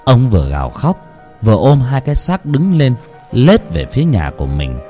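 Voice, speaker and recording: A man narrating a ghost story in a dramatic, hushed storytelling manner. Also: mid-range voice, wildly swooping pitch, moderate pace, soft background music.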